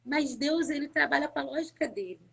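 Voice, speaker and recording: A woman from Brazil with a high, bright-sitting voice gives a personal faith testimony as a live-stream guest. She speaks fervently and repeats words to drive her points home. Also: fairly quick, vocal fry.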